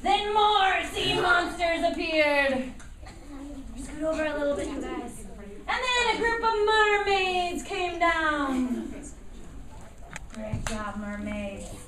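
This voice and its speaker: At a school puppet show in an echoey room, a woman narrates live for children, animatedly coaching and prompting them along the way. Her voice sits high, animated yet slow. The mic is distant and the room noisy and echoey.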